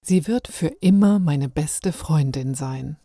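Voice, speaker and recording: Mellow woman telling a personal story. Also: deep voice, takes it slowly, no room sound, clean studio sound. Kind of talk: first-person story narration for learners.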